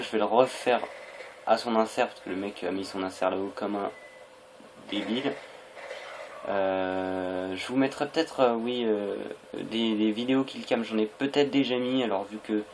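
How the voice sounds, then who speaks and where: Low-voiced young man, hesitant gaming commentary. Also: slight background noise. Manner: hesitant, rambling delivery. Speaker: gaming video creator. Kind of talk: casual gameplay commentary.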